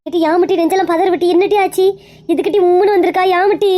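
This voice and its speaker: A woman's voice: very high-pitched, steady tone, fast, warm tone. A woman playing a fiery, scolding mother in a comedy skit. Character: fiery angry mother, wronged wife.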